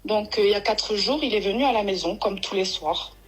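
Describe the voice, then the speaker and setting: A woman's voice: mid-range voice, a little fast, breathy edge, soft background music, rough recording. A woman phoning in to tell a long personal story, rambling and emotional, with many restarts. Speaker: caller. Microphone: phone.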